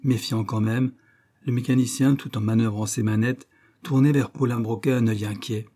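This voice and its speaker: A male audiobook narrator reading an adventure novel in a measured, dramatic way. His voice is warm and mellow, sitting at an ordinary pitch. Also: fairly even intonation. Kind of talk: scripted narration.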